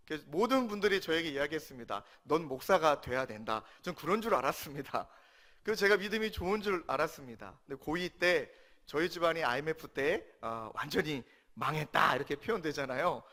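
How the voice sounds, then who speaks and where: A man in his thirties, a pastor, giving a sermon with a personal testimony and acting out his own angry outbursts. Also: a little high. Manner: emotional storytelling, acts out his own angry shouting.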